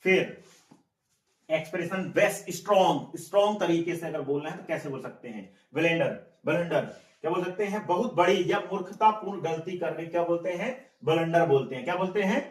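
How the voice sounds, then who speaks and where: A man's voice: a little high, a little fast. A man teaching a spoken English lesson, repeating words and quizzing his listeners as he goes. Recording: echoey room, mic at a distance.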